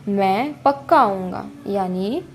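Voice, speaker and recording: A woman teaching everyday English sentences, reading each one out and then saying the English slowly twice. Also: medium pitch, lively intonation, darkish tone. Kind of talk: slow English lesson narration. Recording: faint background noise.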